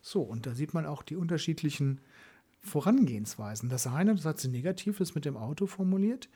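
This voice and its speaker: A man in casual conversation, telling a story about a client and quoting her in lively asides. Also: fairly high pitch, fairly quick, breathy edge.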